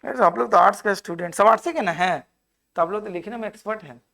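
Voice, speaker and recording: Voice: mid-range voice, quick pace, gravelly, a bit bright. A reasoning teacher, giving a live classroom lecture, counting aloud and urging students to answer. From Jharkhand.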